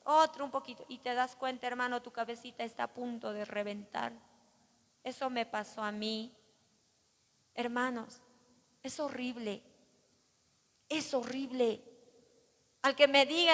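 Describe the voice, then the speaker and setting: Female pastor, earnest sermon testimony, high pitch, long hall reverb. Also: a bit bright. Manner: earnest, addresses listeners as brothers.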